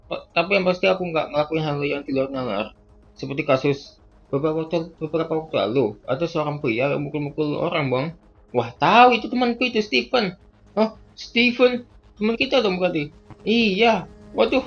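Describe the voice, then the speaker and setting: A man with a somewhat high voice performs every part in a Minecraft role-play skit himself. He trades lines fast and flares into excited shouting. The audio is muffled and low in fidelity, with soft music running behind him. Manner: quick back-and-forth, jumps between characters, bursts of excited shouting. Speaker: content creator voicing all characters. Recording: dull lo-fi audio with faint background music.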